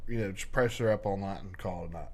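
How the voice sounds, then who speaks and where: A man's voice: low-pitched, fast talker, a little mellow. A man co-hosting a casual podcast, laid-back, reading viewer comments and talking about fights. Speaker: podcast co-host.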